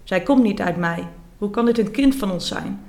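A woman voicing an angry mother who shouts accusations at her child, read aloud from a book. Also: mid-range voice, moderate pace, gravelly, echoey room, lightly acted. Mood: furious.

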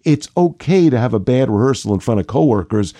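A man giving a motivational lesson on pitching, acting out his examples. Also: a little fast, dry recording, clean studio sound. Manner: animated, acts out examples with big pitch jumps. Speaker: communication coach. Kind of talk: motivational talk on delivering a pitch.

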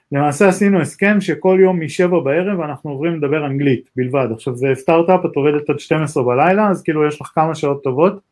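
Podcast co-host: man, Israeli accent, fairly high voice, halting casual explanations with restarts. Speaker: talk co-host, tech entrepreneur.

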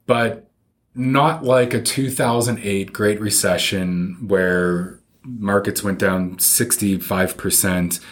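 A man with a fairly low voice talks as an advisor in an interview. He explains things in plain, informal, conversational language. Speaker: financial advisor, interview guest.

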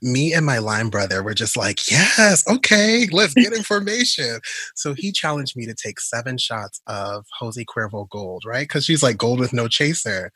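A man's voice: mid-range voice, sharp tone, breathy edge, no echo. A young man hosting a podcast in casual chat, teasing his guest and laughing often. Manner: playful teasing, quick laughs. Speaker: podcast host.

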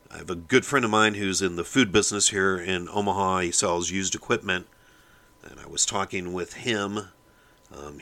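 Male podcast host, forceful edgy tone, heated lecturing monologue, low-leaning voice. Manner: fired-up, lecturing, keeps addressing listeners as "people". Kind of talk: opinion monologue.

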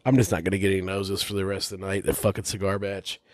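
Lowish guy doing a whiskey tasting, blunt and cussing a lot, dry close sound. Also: little pitch movement, quick pace, dry recording. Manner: blunt, profane, rambling. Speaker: whiskey reviewer host. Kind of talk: casual whiskey tasting chat.

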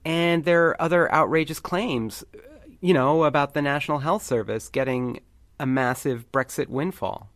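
Male host, lighter higher register, studio-dry sound. Scripted commentary, opinionated with a playful streak. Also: fairly bright tone, no echo. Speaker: podcast host.

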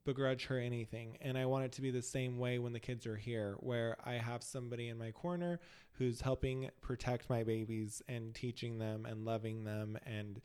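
A man's voice: mid-range voice, fairly even intonation, normal speed, darkish tone, clear, resonant tone. A man hosting a podcast in casual chat, camp and playful in manner. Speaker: podcast host.

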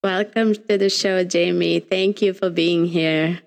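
A woman's voice: on the low side, fairly even intonation, measured pace, creaky. A woman hosting a faith podcast, welcoming guests in a gushing, heartfelt way with frequent ums. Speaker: podcast host. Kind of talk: casual podcast chat.

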